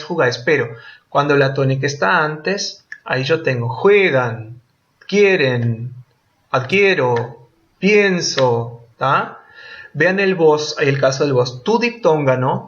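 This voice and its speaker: A man's voice: fairly high pitch, fairly bright tone. A man teaching a Spanish grammar lesson, explaining patiently and checking in often with short tag questions. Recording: dull lo-fi audio.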